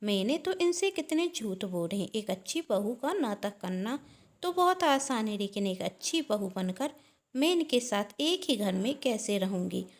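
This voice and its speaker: A woman voicing a scheming young wife who is angry and sly, her voice raised and sharp. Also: mid-range voice, big pitch swings, unhurried. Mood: worried.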